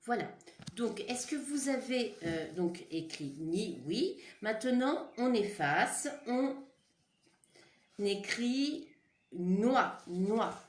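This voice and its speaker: A woman teacher dictates syllables to young children at a careful, drawn-out pace, her pitch rising and falling with lively emphasis. Her voice sits on the low side for a woman. She is picked up by the camera in a roomy, echoing classroom. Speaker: primary school teacher. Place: classroom with a board. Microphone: camera mic.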